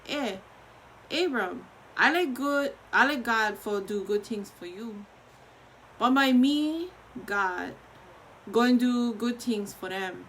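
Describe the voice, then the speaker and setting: Bright-voiced woman reading in Hawaiian Pidgin. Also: fairly high pitch, a little hiss or hum, poor audio. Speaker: host of a daily online Bible reading.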